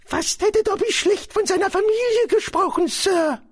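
A man reading a storybook aloud and voicing a small, servile, anxious male house-elf in a squeaky high falsetto. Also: animated, moderate pace. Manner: servile, frantic, calls everyone sir. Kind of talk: audiobook reading.

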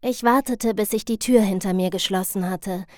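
A woman narrating a story in the first person, in a lively, wry storytelling manner. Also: medium pitch, normal speed, no room sound, studio quality. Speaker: audiobook narrator.

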